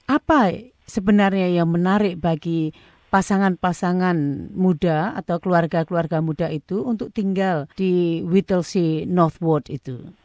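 A woman conducts a conversational radio interview in a slightly low voice. The sound is dry and a little dull. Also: steady tone, unhurried, a little mellow, dry recording.

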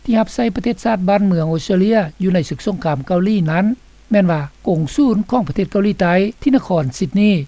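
A woman's voice: mid-range voice, fast, mellow, dry recording. A woman reading scripted documentary narration for a radio report. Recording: dull, slightly lo-fi, dry studio sound.

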